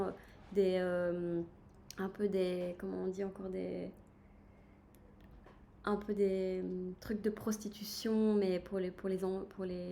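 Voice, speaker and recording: A woman talking on a casual book-review livestream, chatty and eager, stopping often to find her words. Her voice is mellow and warm, with a faint hiss behind it. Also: mid-range voice, vocal fry. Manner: chatty and enthusiastic, frequent hesitations. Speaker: book streamer.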